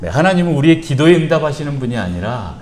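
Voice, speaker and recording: A man preaching a sermon as pastor in a church sanctuary, telling stories in an animated, playful way. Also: on the high side, fast talker. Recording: echoey church hall, faint hiss.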